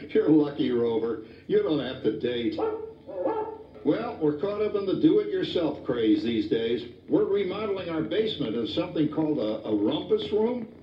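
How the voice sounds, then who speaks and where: A man's voice: on the high side, big pitch swings, unhurried. An actor playing a cheerful, chatty father who jokes and chuckles about his family, heard from an old VHS tape recording. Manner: chatty, joking, chuckles often. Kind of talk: scripted stage narration. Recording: muffled old VHS tape, echoey hall from far off, music behind.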